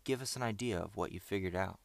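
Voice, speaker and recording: A man's voice: sits low, fast talker, vocal fry, dry recording. A man doing Loomp, a matter-of-fact companion.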